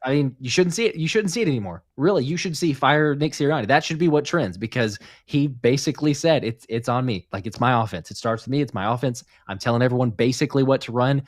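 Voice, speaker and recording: A man's voice: mid-range voice, fast, few pauses, no room sound, studio quality. Rambling man talking football. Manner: rambling, restarts, acts out coaches' voices. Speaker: podcast co-host. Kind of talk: casual sports talk.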